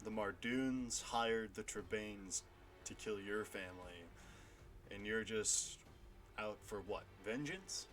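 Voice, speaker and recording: A man voicing a mocking, menacing male thug leader with a warhammer, speaking low and quiet. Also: slow.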